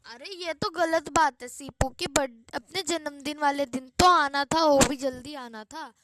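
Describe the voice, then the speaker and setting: A woman's voice: sits high, fairly even intonation, measured pace, fairly bright tone. Woman playing a scolding schoolteacher man. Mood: grumbling. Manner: scolding, exasperated, threatens with a stick. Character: strict short-tempered male village schoolteacher. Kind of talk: comic school skit.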